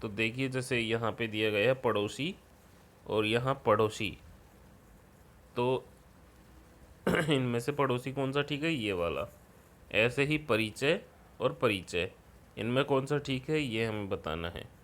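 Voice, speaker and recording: A man with a mid-range, fairly bright voice speaks a little slowly, his intonation lively. He walks schoolchildren through a worksheet lesson, explaining patiently and checking in with the class often. He tends to repeat words and fills gaps with "ठीक है".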